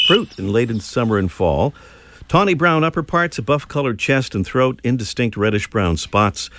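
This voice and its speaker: A man's voice: medium pitch, very noisy. A man hosting a radio show about birds with a jokey, easygoing manner. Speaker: radio host.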